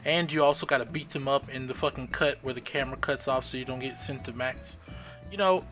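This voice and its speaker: A man chats casually on a live stream, telling stories emphatically and swearing freely. His voice is medium-pitched, pushed, and bright.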